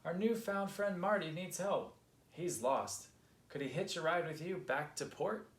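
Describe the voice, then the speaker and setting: A man's voice: on the high side, measured pace, voice pushed up, natural voice. Man reading as Kit, a helpful kittiwake. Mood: cheerful. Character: big adult kittiwake seabird, helpful and calm. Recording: roomy echo.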